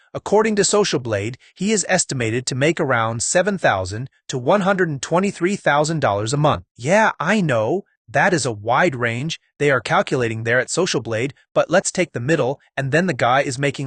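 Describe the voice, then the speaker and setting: Husky-voiced man hosting a tutorial. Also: mid-range voice, fairly bright tone, no echo. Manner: upbeat, chatty, jokey asides to viewers. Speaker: video tutorial host. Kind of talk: casual step-by-step tutorial.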